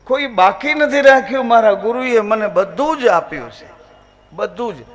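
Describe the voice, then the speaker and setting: A man's voice: very high-pitched, lively intonation, moderate pace. A man voicing a young maiden from a sacred tale, pleading and crying out to a god. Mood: humble devoted. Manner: pleading, cries out repeatedly.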